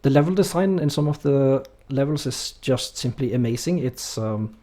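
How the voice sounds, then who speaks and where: In this casual let's-play, a man from Norway talks with his viewers in a medium-pitched voice at an ordinary pace. He reads chat out loud, staying relaxed while hesitating and filling gaps with many fillers. His Norwegian accent is clear throughout.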